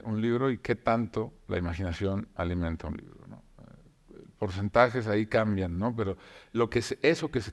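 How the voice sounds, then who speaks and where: A deep-voiced novelist from Mexico muses as a guest in a conversational talk show discussion. He is reflective, with many filler hesitations and restarts.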